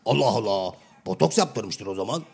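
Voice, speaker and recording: A man voicing Karagöz, a blunt, half-deaf middle-aged male shadow-play figure who keeps mishearing and twisting his partner's words, with a gravelly, raspy voice. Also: lowish voice, expressive, moderate pace, darkish tone, exaggerated voice. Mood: mock-innocent. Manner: mishears everything and answers with cheeky misunderstandings. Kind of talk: comic shadow-play sketch.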